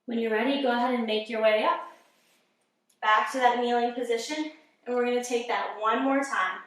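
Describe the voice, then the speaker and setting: A woman yoga instructor calmly guiding a workout, giving encouraging breath cues and sounding slightly out of breath. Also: on the high side, moderate pace. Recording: very echoey room, mic at a distance.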